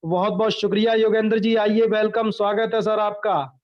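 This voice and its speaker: A man's voice: sits high, little pitch movement, moderate pace, muffled recording. A man hosting an online training session, effusive and full of repeated thanks, heard through a video call.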